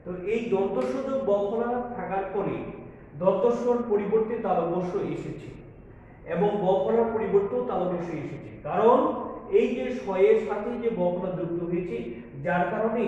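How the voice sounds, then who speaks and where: A man's voice: high voice, moderate pace, mellow. A man teaching a college Bengali class in a recorded lecture, patient and repeating each point for his students. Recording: echoey, dull lo-fi room recording with long reverb.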